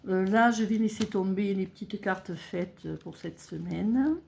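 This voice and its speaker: Middle-aged lady thinking out loud over her budget envelopes, slow and kinda gravelly, warm low tone. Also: a little hiss or hum. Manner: counts money aloud, thinks out loud with hesitations. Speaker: budgeting vlogger. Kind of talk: casual talk while filling cash envelopes.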